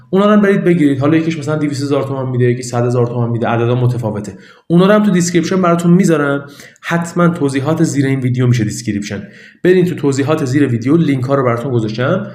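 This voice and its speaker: A man's voice: medium pitch, darkish tone, roomy sound. A man walking viewers through a website signup in a chatty, repetitive tutorial. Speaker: online money-making tutor. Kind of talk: casual screen-recorded tutorial.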